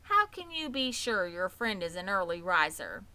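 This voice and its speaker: A woman's voice: on the low side, sing-song, moderate pace, bright, forceful tone, smooth. A woman voicing a stern old sheep, scolding emphatically in a children's storybook reading. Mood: stern, annoyed.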